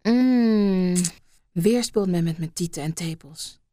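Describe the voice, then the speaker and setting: Hushed woman reading an erotic story. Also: lowish voice, normal speed. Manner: soft, hushed, slipping into whispers. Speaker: narrator.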